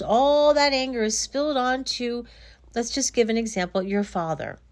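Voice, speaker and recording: In a reflective podcast talk, a middle-aged woman therapist with a higher voice calmly explains self-blame, using everyday examples.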